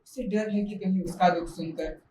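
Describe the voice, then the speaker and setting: A woman's voice: fairly low pitch, fairly even intonation, normal speed, mellow, slight background noise, lightly acted. A woman playing a teasing, good-humoured husband in a stage play, who quotes lofty praise with mock grandeur. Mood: soothing. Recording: roomy hall from far off.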